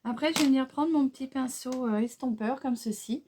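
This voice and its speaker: A woman's voice: sits high, brisk, warm tone, slight background noise. A woman with a French accent chatting through a makeup tutorial, hesitant and casual, with many fillers and restarts. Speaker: beauty vlogger.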